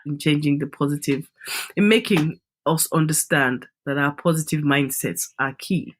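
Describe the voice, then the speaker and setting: A woman's voice: sits low, normal speed. Middle-aged Nigerian woman, Nigerian accent, emphatic interview guest. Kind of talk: podcast interview.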